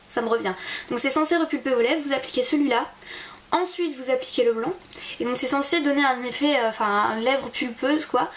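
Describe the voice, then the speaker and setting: High-pitched young woman chatting, noisy recording. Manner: chatty, informal, hesitant, rambling. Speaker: beauty vlogger. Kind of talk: casual chat to camera.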